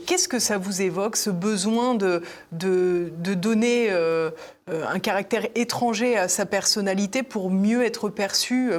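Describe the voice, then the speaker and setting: A woman interviewing a political guest, asking measured questions with some fillers. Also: lowish voice.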